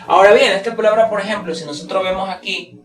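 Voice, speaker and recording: A man giving a pronunciation lesson in a casual teaching manner, repeating example words slowly to show stress. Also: sits high, echoey room, distant mic, a crowd in the background, poor audio. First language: Spanish. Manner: slow, drawn-out model words repeated for stress. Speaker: English teacher.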